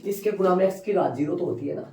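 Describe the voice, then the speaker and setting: A high-pitched male teacher talks through a maths problem, repeating each step and firing questions at his class. He is caught by a distant mic in an echoey classroom. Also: a crowd in the background. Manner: repeats steps slowly, quizzing students. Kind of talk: classroom lesson at a board.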